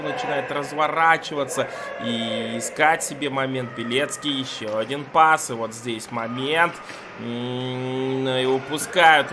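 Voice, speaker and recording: A man giving live play-by-play ice hockey commentary in short, clipped phrases. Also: mid-range voice. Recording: noisy ice rink broadcast.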